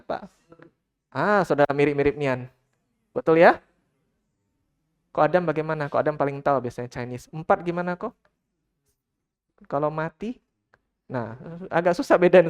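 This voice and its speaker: A woman with a notably low voice delivers a church sermon. She talks directly to her congregation, calling them by name and pausing to ask them questions. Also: clean tone. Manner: engages the congregation with frequent questions, addressing listeners as "Saudara". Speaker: preacher.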